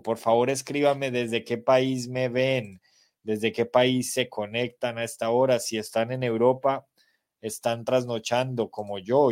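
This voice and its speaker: Slow, patient male English teacher. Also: medium pitch. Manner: slow, patient explanations mixing Spanish and English. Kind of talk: live online English class.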